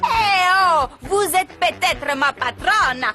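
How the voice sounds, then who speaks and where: A woman's voice: very high voice, animated, slow pace, music in the background, full character voice. An actress voicing a reluctant, skeptical young woman who is talked into playing a mistreated maid. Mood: defiant. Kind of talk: dubbed telenovela acting.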